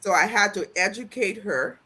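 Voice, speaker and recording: A woman's voice: mid-range voice, moderate pace, breathy edge. A woman from Africa, telling a story in casual conversation and acting out voices. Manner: animated, acts out quoted voices.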